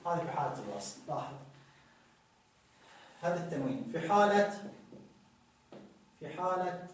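A man teaching grammar, repeating examples slowly and telling listeners to notice each form. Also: fairly high pitch, expressive, slight background noise. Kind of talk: explaining grammar rules with examples. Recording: very echoey room, distant mic.

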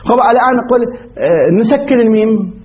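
A man teaches Quranic recitation rules at a rapid clip. His voice sits high, and he keeps firing questions at his students before answering them himself. The recording sounds dull and muffled, with faint noise behind. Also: animated. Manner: asks the class questions and answers them himself, with many restarts.

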